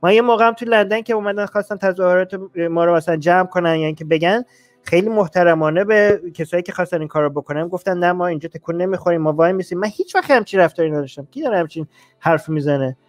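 A male host on a live stream, arguing with rhetorical questions and taking callers. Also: high voice.

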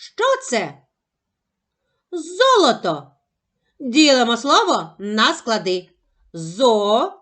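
Woman, teacher, phonics lesson for children, slow over-articulated syllables, high and animated.

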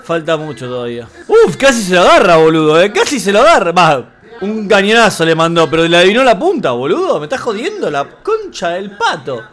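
Excitable Argentine guy, very high voice, live football reaction vlog. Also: brisk. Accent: Argentine Spanish. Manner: excitable, emotional, talks to the screen. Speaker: YouTuber reacting to a football match.

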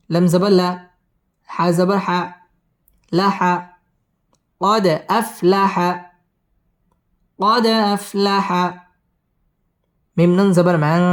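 A man teaching tajweed, spelling out verses letter by letter and chanting them in a measured, drawn-out way. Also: high voice. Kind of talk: slow letter-by-letter spelling and melodic recitation.

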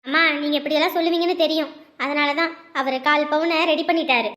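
A woman acting a young daughter who calmly pleads with her mother in a family drama. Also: high-pitched, fast talker, faint music behind. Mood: pleading. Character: young woman, patient daughter defending fiancé.

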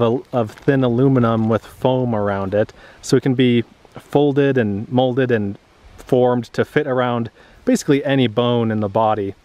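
Relaxed chatty man showing his kit. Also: medium pitch. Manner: relaxed, chatty, lots of uh fillers. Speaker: vlogger. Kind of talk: casual show-and-tell. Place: outdoors in a grassy clearing by trees.

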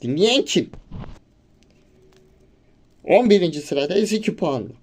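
A man giving heated, excitable commentary over his own football video game, yelling at players and venting frustration. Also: a little high, normal speed. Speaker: gaming YouTuber. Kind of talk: live reactive gameplay commentary.

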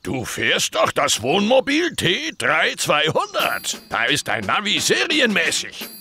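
Gravelly, hearty old grandpa dog. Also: male voice, high voice, huge pitch swings, unhurried, sharp tone, slight background noise, exaggerated voice. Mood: hearty, helpful. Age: older. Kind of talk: cartoon voice acting.

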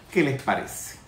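A man's voice: roomy sound, background noise. A man teaching a spiritual lecture in a trained, projected voice, scolding and teasing his listeners with humorous asides. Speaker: metaphysics teacher.

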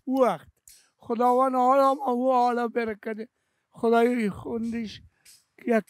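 A man's voice: extremely high pitch, little pitch movement, no echo. An older man with an Afghan Dari accent, a veteran singer, reminiscing emotionally and a little rambling as a guest on a TV chat show. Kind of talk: casual TV chat. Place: TV studio.

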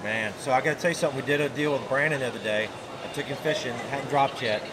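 A man's voice: mid-range voice, fast talker. A man in his forties, a pro angler vlogging casually, greeting fans in a busy hall and later talking in a hotel room, upbeat and fond of saying dude. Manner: friendly, upbeat, says dude and man a lot. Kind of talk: casual vlog chat. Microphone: handheld camera at arm's length. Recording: noisy hall ambience. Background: hall ambience.

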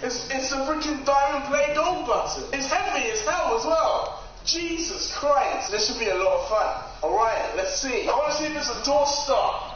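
A young man vlogging casually, talking excitedly, laughing often, swearing and repeating himself. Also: very high voice, normal speed, a little hiss or hum. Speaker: YouTube vlogger. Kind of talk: casual reaction and product-test vlog. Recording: echoey lo-fi room recording from a distance with music.

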